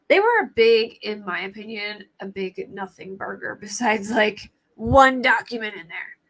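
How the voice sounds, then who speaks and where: Scratchy, creaky American woman chatting casually. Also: medium pitch, a bit bright. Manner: informal, rambling, thinking aloud. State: scratchy voice today. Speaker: livestream host commenting on true crime cases. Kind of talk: casual livestream chat commentary.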